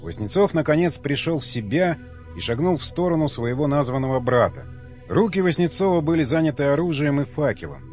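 A man narrating an audiobook with a steady, expressive reading. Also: a little high, fairly quick, soft background music. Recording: dull dry lo-fi sound.

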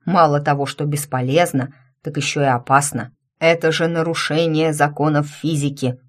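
A woman's voice: low voice, fairly even intonation, normal speed. A woman reading an audiobook voices a grumpy, self-pitying male cat who used to be a university rector, grumbling and irritable.

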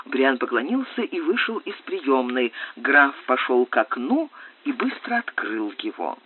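Expressive male audiobook narrator, tinny sound. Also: mid-range voice, unhurried, a little hiss or hum. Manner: expressive, dramatic reading.

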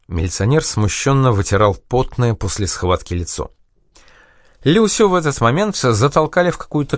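Expressive male audiobook narrator. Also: mid-range voice, no room sound, clean studio sound. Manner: measured, expressive reading. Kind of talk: scripted memoir narration.

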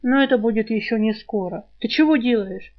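A woman voicing a sly, sharp-tongued male talking rat in an audiobook, mocking and quick with insults. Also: a little high, dull audio, close to an everyday voice.

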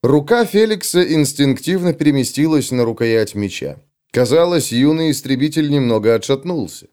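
A man reading an audiobook aloud in an expressive, scripted narration. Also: mid-range voice, normal speed, clear, resonant tone.

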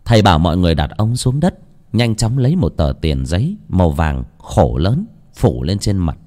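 A man narrating a horror story in a dramatic, expressive way. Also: low-pitched, normal speed.

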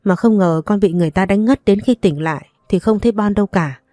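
A woman's voice: medium pitch, fast, dark tone, no echo, studio quality, close to an everyday voice. Woman reading a frightened young woman. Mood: apologetic.

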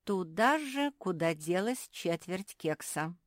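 A woman's voice: fairly low pitch, expressive, slow, no echo, studio quality, voice pushed up. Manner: prim. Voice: woman doing a proper, reproachful dog.

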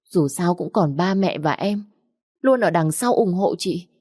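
A woman's voice: fairly low pitch, lively intonation, measured pace, darkish tone, breathy edge, no room sound, clean studio sound. A woman reading a story aloud, voicing a spoiled young woman who cries on cue and pleads in a whiny voice. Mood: sugary coaxing.

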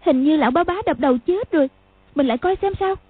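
A woman doing a timid kind little girl, soft, high voice, husky, phone-like recording. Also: fast talker, dry recording, close to an everyday voice. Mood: gentle. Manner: soft, timid, stammering when scared. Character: frightened but kind-hearted little girl. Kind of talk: audiobook character voice. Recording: tinny phone-like, dry.

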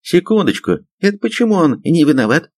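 A man's voice: medium pitch, big pitch swings, a little slow, darkish tone, no echo, pitched above the performer's own voice. A man voicing a plump, pompous male army major who blusters with indignation in an audiobook. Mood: indignant blustering. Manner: huffy, indignant.

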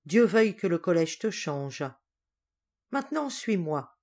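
Strict dad read by a woman, calm and reproachful, lower voice, slow storybook style. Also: exaggerated voice. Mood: grave reproach. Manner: measured, grave, reproachful. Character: stern but fair father, calm authority.

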